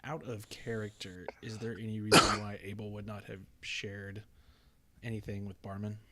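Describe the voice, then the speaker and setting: A man's voice: lowish voice, flat delivery, moderate pace, heavy background noise. A man player in a tabletop game, asking questions tentatively with many restarts. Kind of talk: casual tabletop play.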